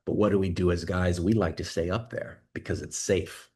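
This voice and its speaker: A man coaching listeners, talking calmly and leading them through a slow guided breathing exercise with many questions. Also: low-pitched. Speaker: dating and confidence coach.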